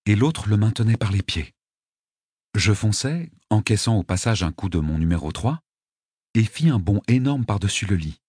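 A man reads an audiobook aloud with a low, husky voice. His pitch moves freely and vividly through the lines. The sound is dry and close. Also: darkish tone, no room sound. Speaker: audiobook narrator. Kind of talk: scripted audiobook narration.

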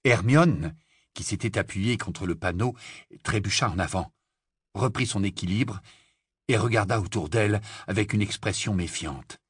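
A man narrating an audiobook with expressive storytelling. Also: fairly low pitch, normal speed, breathy edge, no room sound, clean studio sound. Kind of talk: scripted narration.

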